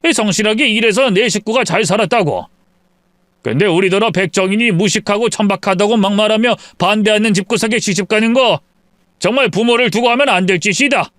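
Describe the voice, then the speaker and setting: A man's voice: high voice, brisk, fairly bright tone, no room sound, studio quality, voice pushed up. A man voicing a stern middle-aged father lecturing his daughter.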